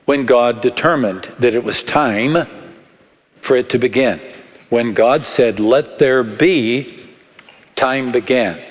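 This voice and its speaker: A male pastor with a West Texas accent delivers a sermon in a big, echoing hall. He takes his time, speaking very slowly in short, deliberate phrases and leaving dramatic pauses between them. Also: mid-range voice. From West Texas, United States. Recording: long echoing reverb of a large hall.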